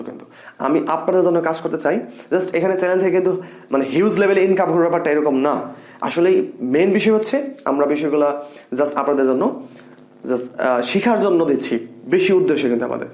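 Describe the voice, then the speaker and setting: Young male tutor, expressive and upbeat, slightly high voice, echoey room. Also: a little fast. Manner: animated and expressive, repeats example sentences. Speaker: English teacher. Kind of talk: casual spoken lesson.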